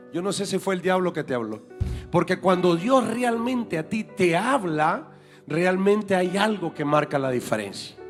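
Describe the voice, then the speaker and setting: Male preacher, high voice, emphatic sermon delivery, church setting with soft music underneath. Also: big-room sound. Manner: emphatic, repeats key points for the congregation. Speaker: apostle and preacher. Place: church sanctuary.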